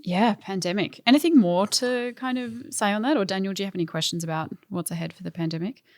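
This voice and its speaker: A woman's voice: medium pitch, quick pace, dry recording. A woman hosting a podcast in casual chat, upbeat and steering the talk to the next topic. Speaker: podcast host.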